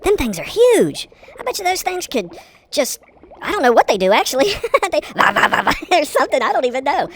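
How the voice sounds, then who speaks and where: A woman hosting a children's spelling video, giggling often and talking in an excitable, sing-song way. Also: fairly high pitch. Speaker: host of a kids' spelling video. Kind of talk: playful children's spelling narration.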